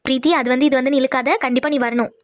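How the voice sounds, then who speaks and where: A woman's voice: high voice, fairly even intonation, very fast, no echo, clean studio sound, lightly acted. A woman voicing a friendly but insistent older woman in a Tamil cartoon, coaxing a younger friend over the phone.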